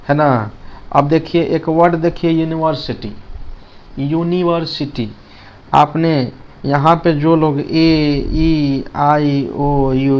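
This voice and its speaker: A man's voice: a little high, muffled recording. Hindi-speaking male teacher, repeating and quizzing. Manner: repeats key words, asks students rhetorical questions. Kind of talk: classroom lesson in Hindi with English terms.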